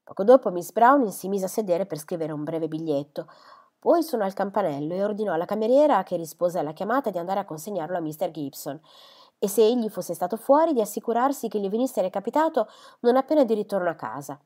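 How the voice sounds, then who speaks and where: A woman reading a literary novel aloud in a measured, expressive manner. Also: mid-range voice. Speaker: audiobook reader. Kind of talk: literary audiobook narration.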